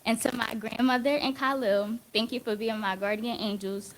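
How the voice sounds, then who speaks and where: A woman's voice: on the high side, steady tone, moderate pace. Earnest teenage girl giving a graduation speech. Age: late teens. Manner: earnest and formal, heartfelt. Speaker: graduating student speaker.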